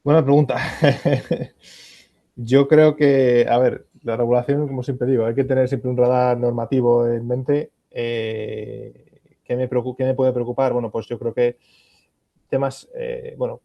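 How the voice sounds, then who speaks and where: Spanish man, panel expert, even tone, hesitant and thoughtful, dry muffled recording. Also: mid-range voice, no echo. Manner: thoughtful, many fillers and restarts. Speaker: panel expert on ESG reporting. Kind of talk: conference panel answers.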